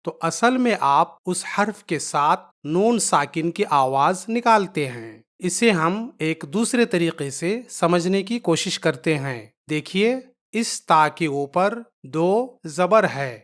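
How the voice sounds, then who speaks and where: Patient woman teacher, slightly low voice, slow and repetitive. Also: animated. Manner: patient, repeats each point, drawn-out letter sounds. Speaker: Quran reading teacher. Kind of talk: slow step-by-step lesson.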